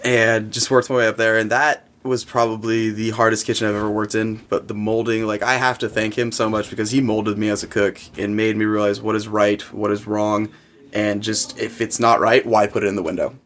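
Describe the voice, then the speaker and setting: A man's voice: on the low side, little pitch movement, brisk, fairly bright tone, a little hiss or hum. A young man, a chef as guest, telling kitchen stories in a rambling, profane way with lots of fillers. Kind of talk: casual storytelling.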